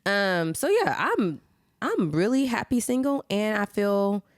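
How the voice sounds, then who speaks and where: A woman in her thirties co-hosting a casual faith podcast, animated and playful, laughing often. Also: medium pitch, a little slow, no echo, studio quality. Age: 30s. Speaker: podcast co-host.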